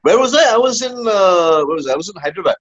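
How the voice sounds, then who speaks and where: His voice sits high, with lively intonation and a fast pace, as an Indian man who coaches leadership recounts his story casually for an interviewer. Lots of "uh" fillers and "huh?" tags make it rambling, and the recording sounds dull and lo-fi.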